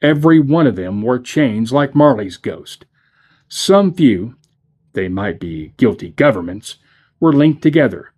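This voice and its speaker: A man reading a classic story aloud for a church, measured, with dramatic dips and rises in his voice. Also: medium pitch, lively intonation, a little mellow, breathy edge. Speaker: church reader.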